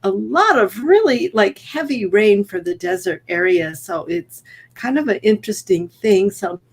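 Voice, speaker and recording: A woman's voice: mid-range voice, lively intonation, a little slow, slightly rough. A woman co-hosting a live online art broadcast, bubbly and enthusiastic, with frequent ums. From United States. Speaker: co-host.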